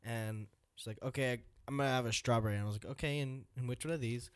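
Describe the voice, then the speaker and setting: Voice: mid-range voice, fairly even intonation, quick pace, smooth, no echo, clean studio sound. A co-host in a casual chat, retelling an everyday event and quoting the people in it. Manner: chatty, laughs along, retells events with quoted lines.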